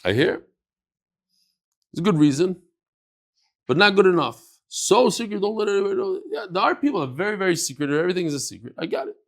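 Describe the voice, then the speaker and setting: A man teaching a Talmud class with a lively, swooping voice that sits a little high for a man. He slips Aramaic and Hebrew terms into his English and asks questions, then answers them himself. He acts out the speakers in the text with plenty of animation. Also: quick pace, long pauses.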